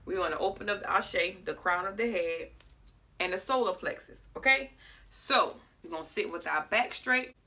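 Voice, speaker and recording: Congested woman, spiritual guide, lowish pitch with some fry, chatty how-to delivery. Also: moderate pace, sharp tone. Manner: talks straight to viewers, checks in with frequent "okay?". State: congested, slightly clogged. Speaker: spiritual guide teaching breathing exercises. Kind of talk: casual guided breathing lesson.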